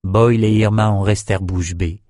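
Man reading a dark fantasy audiobook. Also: lowish voice, steady tone, normal speed, no echo, clean studio sound. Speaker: audiobook narrator. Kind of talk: scripted narration of a dark fantasy novel.

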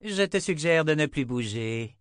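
A man's voice: fairly high pitch, animated, unhurried, smooth, no echo, clean studio sound, pitched above the performer's own voice. A man doing a cruel commanding sorceress. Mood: menacing. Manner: commanding, threatening. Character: cruel domineering sorceress woman, cold and menacing. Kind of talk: audiobook character voice.

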